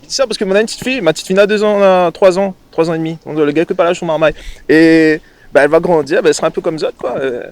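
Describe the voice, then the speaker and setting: A man from Réunion with a Réunionnais French accent, interviewing a family in a playful, teasing way. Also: on the high side. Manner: playful, teasing, quick questions. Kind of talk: casual interview.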